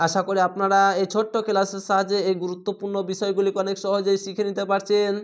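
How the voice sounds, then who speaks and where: A man teaching Quran reading, spelling out Arabic words slowly syllable by syllable. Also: high-pitched, completely flat delivery. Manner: slow, drawn-out syllable-by-syllable spelling and chanting. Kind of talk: spelling-out Quran recitation lesson.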